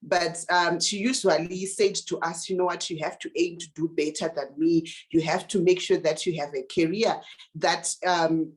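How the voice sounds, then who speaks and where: A woman's voice: lowish voice, fairly even intonation, normal speed. A young woman from Zimbabwe, a digital marketing consultant, tells her life story in an interview, earnest and full of fillers and restarts. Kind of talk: interview answers, personal story.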